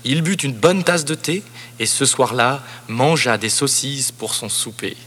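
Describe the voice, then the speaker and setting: A man narrating a children's storybook cassette in a lively, expressive read-aloud voice. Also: mid-range voice, measured pace, noisy background. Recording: cassette narration over background music.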